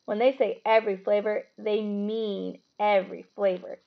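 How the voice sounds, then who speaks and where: A woman's voice: medium pitch, level tone, moderate pace, creaky, phone-quality sound, natural voice. A woman voicing a blunt, casual young schoolboy with an offhand, emphatic way of talking in a storybook. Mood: warning, disgusted.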